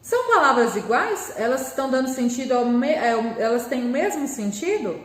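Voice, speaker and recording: A Brazilian woman gives a lesson to young children, patiently sounding out each word syllable by syllable. Her voice sits high. The recording carries a noticeable room echo. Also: sing-song. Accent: Brazilian Portuguese. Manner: patient, slow, spells words out syllable by syllable. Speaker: primary school teacher. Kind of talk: remote class lesson.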